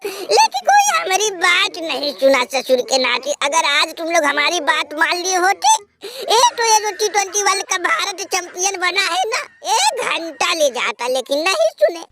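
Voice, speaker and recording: A man's voice: very high-pitched, very animated, moderate pace, over a noisy crowd, heavily acted. A man voicing a self-pitying defeated male cricket rival who wails and half-laughs while crying, in a comedic dubbed sketch. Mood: complaining. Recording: noisy recording with clicks.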